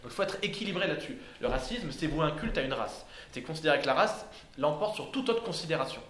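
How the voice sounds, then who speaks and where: A man's voice: a little high, expressive, quick pace, fairly bright tone, slight background noise. A man giving an informal lecture to a live audience indoors, hesitant, with many fillers and restarts. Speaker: speaker giving a talk. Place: indoor room with listeners. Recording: echoey room, faint ambience.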